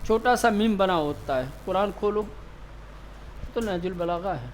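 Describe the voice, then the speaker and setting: A man teaching tajweed in a classroom, asking his students questions and answering them himself, slowing down to repeat key terms. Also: high-pitched, expressive, slight background noise. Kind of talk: classroom lecture.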